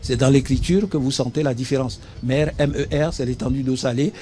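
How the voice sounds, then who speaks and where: Speaking fairly quickly with a dark tone and rather even intonation, this Beninese man teaches speaking skills as a guest expert on a studio talk show. He is didactic and patient, spelling words out and tossing in "hein?" The sound comes from a studio mic.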